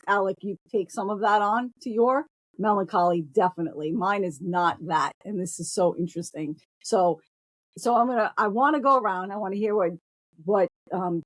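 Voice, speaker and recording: A woman with a Long Island accent and a husky voice, recorded close and dry. She hosts a podcast discussion in a chatty, blunt way and moves the conversation along. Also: on the low side, no room sound. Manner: chatty, blunt, steering the talk. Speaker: podcast host.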